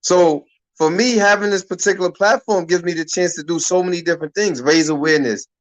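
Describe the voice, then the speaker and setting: A man in his thirties from Harlem hosts a talk-radio conversation, and his voice sits notably high for a man. He talks casually and loosely in street slang, often starting a sentence over before he finishes it. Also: fairly quick, poor audio. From Harlem, New York. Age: 30s. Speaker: radio show host.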